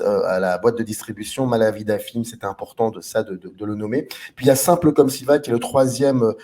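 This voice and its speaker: A man's voice: fairly low pitch, dark tone. A man hosting a film discussion show in a casual, hesitant way, with lots of fillers and restarts as he introduces guests and films.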